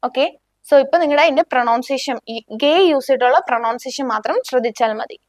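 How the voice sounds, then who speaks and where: A woman teaching a beginner language lesson with a Malayali accent, saying each word slowly and asking learners to repeat after her. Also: high-pitched, fairly even intonation, no room sound, clean studio sound.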